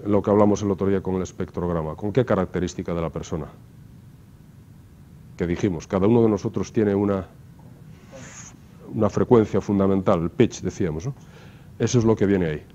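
A man lectures to his class in a mellow, dark voice, walking through the material step by step. He keeps checking in with rhetorical questions. The recording is muffled and lo-fi. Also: fairly low pitch, fairly quick, pauses often, slight background noise. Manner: explanatory, asks rhetorical questions with frequent tag "¿no?". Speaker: university lecturer.

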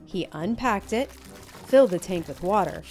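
With faint music behind her, a woman reads a children's picture book aloud in an unhurried, mid-range voice. Her delivery is expressive and emphatic, like a storyteller.

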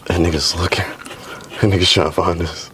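A man's voice: deep voice, flat delivery, moderate pace. A young man talking in slangy, profane casual banter inside a noisy car. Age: young adult. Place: inside a parked car at night.

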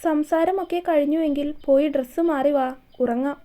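Storybook reading: a woman voicing a fond, teasing young husband in a soft, mellow voice. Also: high-pitched, moderate pace, close to an everyday voice. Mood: tender. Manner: playful teasing.

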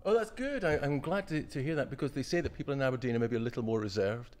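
A man's voice: mid-range voice, quick pace, darkish tone. A man interviewing choir members in a dim rehearsal hall, teasing them and laughing easily. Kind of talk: casual interview. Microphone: handheld mic.

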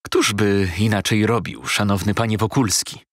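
A man voicing a shabby, fawning lawyer who haggles slyly, with a husky, wheedling, sugary delivery. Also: fairly low pitch, fairly even intonation, moderate pace, dry recording, studio quality, lightly acted. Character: shabby fawning male lawyer, middle-aged, sly haggler.

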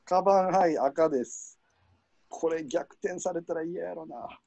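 A man with a Kansai accent hosting a word game, explaining rules in a relaxed, chuckling way. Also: a little high, a little slow, vocal fry, no room sound. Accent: Kansai Japanese. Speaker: game host and referee. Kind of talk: casual game commentary.

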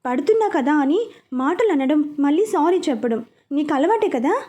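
A woman's voice: sits high, animated, normal speed, warm tone. A woman voicing a sulky, stubborn young bride-to-be. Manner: pouting, stubborn.

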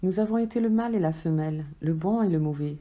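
A woman voicing a gentle, loving soul that speaks softly and patiently. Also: lowish voice, quick pace, highs cut off, lightly acted. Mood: tender. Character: gentle, loving friendly soul, calm and tender.

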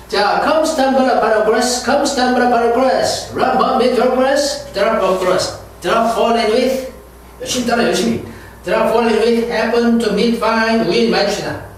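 Man, English teacher, high voice, drawn-out drilled words, faraway mic, very echoey room. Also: distant mic, a little hiss or hum. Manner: slow, drawn-out English words, quick Korean asides. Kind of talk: vocabulary lesson, call-and-repeat drills. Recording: very echoey room, heard from afar.

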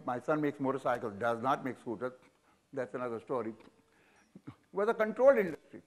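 A man in his seventies with an Indian English accent, speaking frankly and animatedly as a guest in an on-stage interview, recorded on a lapel mic. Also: a little high. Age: 70s. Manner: animated, frank, sweeping hand gestures, chuckling. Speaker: business leader guest. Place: auditorium stage.

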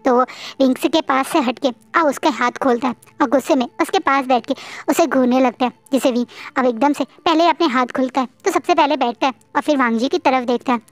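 High-voiced woman narrating a story. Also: a little fast, dry recording. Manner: dramatic, emotional retelling. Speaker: fanfiction narrator.

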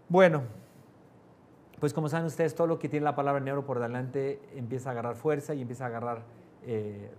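A man teaching a live class to a small audience, often asking "¿no?" and raising or dropping his voice to stress points. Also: slight background noise. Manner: varies pitch and loudness for emphasis, asks "¿no?" often. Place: class room with air conditioning.

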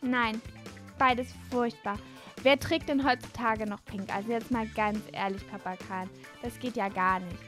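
A woman's voice: a little high, fairly even intonation, measured pace, a bit bright, faint music behind. A woman voicing a cheeky, defiant baby girl in a Roblox role-play, whiny and chatty. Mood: bratty. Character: bratty, cheeky baby girl expelled from school.

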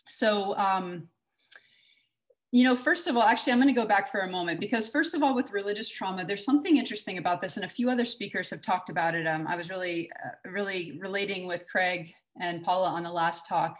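A Texan woman in her forties speaks in a mid-range voice at a brisk pace, giving a conversational online conference talk with slides. She's captured through a webcam on a video call, and her speech is full of fillers and restarts.

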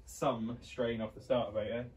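A man chats casually outdoors as he works on a tractor, his voice sitting at a middling pitch. He talks half to himself, hopeful, with excited bursts. Faint outdoor ambience hums behind him. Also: moderate pace, a little hiss or hum. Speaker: vlogger restoring an old tractor. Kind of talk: casual commentary while working. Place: outdoors beside an overgrown tractor.

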